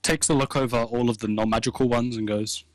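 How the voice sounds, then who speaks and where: A man narrating as game master over voice chat, casual and halting, with many fillers as he describes the scene. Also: medium pitch, fairly even intonation, no echo, poor audio. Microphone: voice chat mic.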